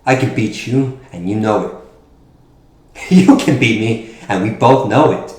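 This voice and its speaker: A man delivering an intense, profane wrestling promo as a wrestler, confrontational and swinging between low menace and shouted outbursts. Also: animated, measured pace. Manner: profane, confrontational trash talk. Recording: echoey, roomy voice recording.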